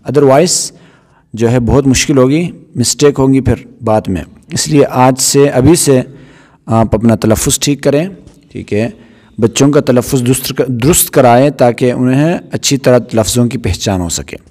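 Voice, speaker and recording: A man teaching Quran reading, explaining Arabic letters step by step, mixing English words into his instruction and often checking in with "theek hai". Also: warm tone. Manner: chants the letters in a high, drawn-out recitation voice. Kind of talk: Urdu lesson on Arabic letters.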